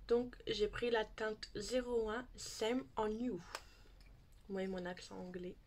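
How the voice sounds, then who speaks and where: Brief: woman beauty vlogger, chatty and relaxed, middle pitch, noisy home recording. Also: normal speed. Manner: chatty, showing products to camera. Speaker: beauty YouTuber. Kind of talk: casual haul vlog.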